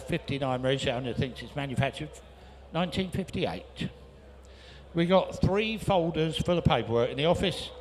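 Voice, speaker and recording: A British man working as an auctioneer, chanting bids in a live sale with rapid-fire repetition of numbers. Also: fairly high pitch. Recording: echoey auction hall with background noise.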